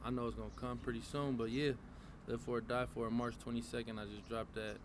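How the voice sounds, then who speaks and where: A man's voice: medium pitch, little pitch movement, fast talker, background noise. A man, a rapper talking casually in an interview, loose and slangy with many fillers and restarts. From San Francisco Bay Area. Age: 20s. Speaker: rapper guest.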